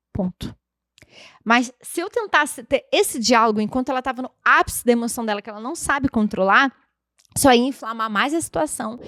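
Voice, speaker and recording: A woman's voice: fairly high pitch, dry recording, studio quality. Chatty, emphatic woman podcast host. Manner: emphatic, chatty, addresses listeners directly. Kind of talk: casual devotional podcast talk.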